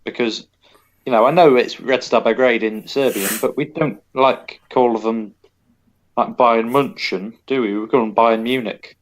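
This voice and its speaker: A man's voice: medium pitch, normal speed. A man co-hosting a casual football podcast, rambling and correcting himself with wry asides. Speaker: podcast co-host.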